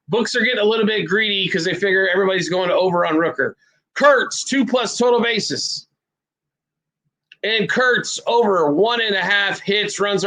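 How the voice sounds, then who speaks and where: A Midwestern American man with a high voice and sharp tone hosts a sports betting show, rambling bluntly through his picks with self-deprecating asides in casual betting talk. The audio quality is poor.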